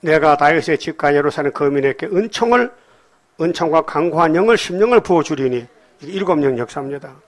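A man's voice: lively intonation, a little fast. A man preaching a sermon, reading scripture and explaining it in blunt, colloquial asides, often prodding his listeners with short questions. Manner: swings between loud emphatic outbursts and low murmured remarks. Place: church hall with congregation.

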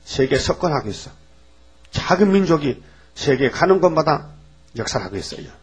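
A man's voice: fairly high pitch, very animated, a little fast, breathy edge. A man preaching a sermon in a blunt, folksy way, firing rhetorical questions at the congregation. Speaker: pastor.

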